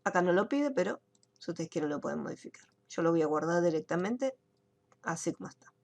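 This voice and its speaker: Woman teaching software, gravelly voice. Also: lowish voice, animated, brisk. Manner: explains step by step, checks in with students. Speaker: computer course teacher. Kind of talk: screen-share software tutorial.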